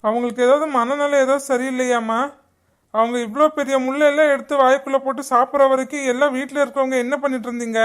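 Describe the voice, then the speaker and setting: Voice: high voice, fairly even intonation, quick pace, fairly bright tone. A voice actor playing a matter-of-fact hospital doctor in a cartoon. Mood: stern.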